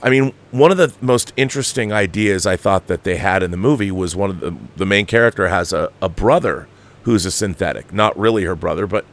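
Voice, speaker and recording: A film commentary host with a low-pitched voice talks a little fast through an opinionated rant about a movie. His review is exasperated and emphatic, peppered with profanity.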